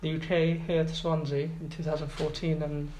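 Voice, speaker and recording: A man's voice: fairly high pitch, level tone, moderate pace, darkish tone. Hesitant Iraqi-raised young man, roomy sound. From Iraq. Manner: hesitant, many fillers and restarts. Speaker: guest. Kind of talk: casual interview. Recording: roomy echo, faint background noise.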